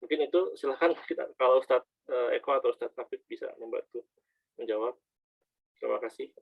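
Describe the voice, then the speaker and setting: A man's voice: mid-range voice, fast, vocal fry, husky. A man asking a question in an online study session, hesitant and full of fillers. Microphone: video call. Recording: thin phone-like line.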